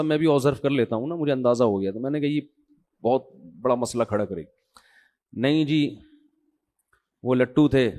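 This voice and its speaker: A man's voice: mid-range voice, darkish tone. A middle-aged man, preaching in a chatty storytelling way and mimicking the people he quotes. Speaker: religious preacher. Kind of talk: sermon.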